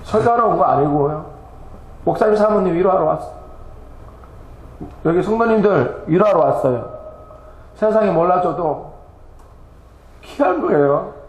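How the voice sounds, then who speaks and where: Man, missionary giving an emotional church report; higher pitch, echoey sanctuary. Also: normal speed, long pauses, a little hiss or hum. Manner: animated, laughing and tearful, exclaiming.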